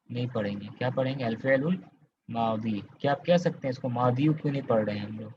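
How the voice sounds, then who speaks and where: Male teacher from Kolkata, mid-pitched, patient step-by-step explainer who keeps quizzing students; muffled call audio. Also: a little hiss or hum. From Kolkata, India. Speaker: Arabic grammar teacher. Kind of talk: online class lecture.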